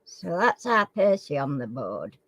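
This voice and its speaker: With a low, husky, sing-song voice and a fairly bright tone, a woman hosts a live chat quiz, reading and repeating questions informally. She speaks a little slowly, her articulation slightly slurred and toothless, with no echo.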